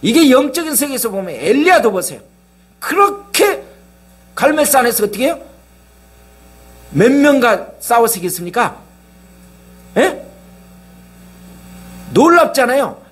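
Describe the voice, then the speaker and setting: A man's voice: extremely high pitch, big pitch swings, moderate pace, long pauses, breathy edge. A male pastor preaching a sermon, asking the congregation question after question.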